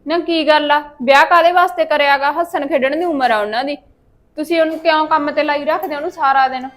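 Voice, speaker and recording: An actress playing a young married daughter who is blunt and indignant. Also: female voice, high-pitched, a little fast, lightly acted. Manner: blunt and sharp-tongued.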